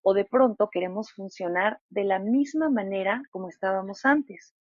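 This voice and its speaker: A woman in her thirties, a psychologist, giving expressive interview answers and acting out examples with lively voices. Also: mid-range voice, moderate pace, no echo, dull audio. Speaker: psychologist guest.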